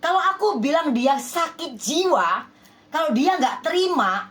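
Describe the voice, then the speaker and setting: High-voiced woman giving an emphatic reading. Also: expressive, a little slow, a bit bright. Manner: emphatic, repeats rhetorical questions like "ya kan?"; scolding, persuasive. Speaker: spiritual healer giving love readings. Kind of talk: direct address to viewers, relationship reading.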